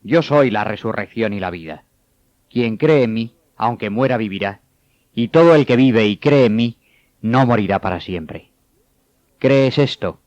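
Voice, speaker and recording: A man playing Jesus, a calm, authoritative teacher who speaks in a solemn, measured way. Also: lowish voice, no echo. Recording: dull, dry studio sound.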